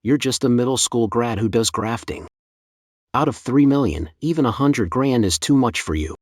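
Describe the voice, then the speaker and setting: An actor playing a greedy, two-faced orchard owner who talks in a pleading, resentful way in a dubbed drama. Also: male voice, mid-range voice, moderate pace, dry recording, clean studio sound, lightly acted. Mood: spiteful.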